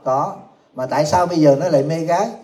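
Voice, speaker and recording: A Buddhist teacher gives a joking, chatty Dharma talk in a temple hall. His voice sits a little high for a man but sounds mellow and soft-edged. It carries around an echoey room. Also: quick pace. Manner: jokey, often laughing, asks the audience questions.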